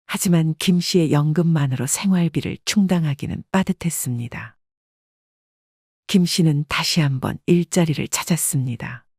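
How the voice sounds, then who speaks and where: A storyteller giving a measured, scripted audiobook narration in an even delivery. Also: medium pitch, husky, no room sound, studio quality.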